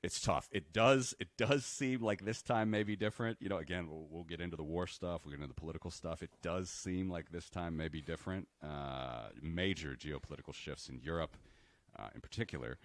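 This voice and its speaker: A man's voice: sits low, brisk, dry recording. An American man co-hosting a podcast, talking in a casual, rambling way with many fillers and restarts. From United States. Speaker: podcast co-host. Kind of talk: casual chat.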